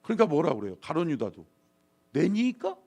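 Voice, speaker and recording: A middle-aged male pastor preaching a dawn sermon, dramatic and swinging from loud calls to near whispers. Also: mid-range voice, big pitch swings, moderate pace, vocal fry. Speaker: senior pastor. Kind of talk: dawn service sermon and prayer.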